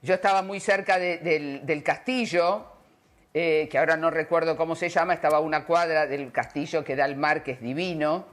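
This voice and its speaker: A woman's voice: low voice, fairly even intonation, normal speed. A woman co-hosting a news interview, asking long, chatty, rambling questions with many hesitations. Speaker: co-host.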